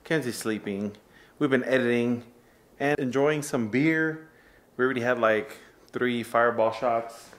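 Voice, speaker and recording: A man vlogging casually, joking and chatting to viewers about cooking outside and warming up by the fire. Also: medium pitch, a little slow. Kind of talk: casual vlog chat. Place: cabin deck and indoors by a fire, in the cold.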